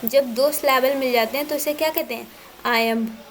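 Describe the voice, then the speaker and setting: High-voiced woman teaching poetry basics. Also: steady tone, moderate pace. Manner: repeats terms, spells words out letter by letter; asks questions then answers them. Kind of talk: exam-prep lecture.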